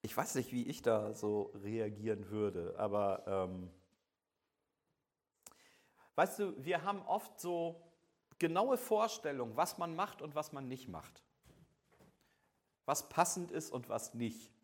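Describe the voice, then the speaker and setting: A middle-aged man preaching a sermon at an easy, conversational pitch. He talks straight to his listeners and asks them questions, and now and then he slips into the voices of imagined people. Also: lively intonation, slow pace, pauses often.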